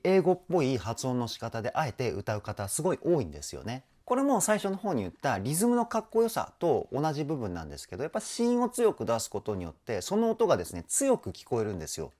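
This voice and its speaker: A man's voice: medium pitch, darkish tone. A man working as a vocal trainer, reacting to a song with enthusiasm and explaining singing technique in casual talk. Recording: music playing in the background.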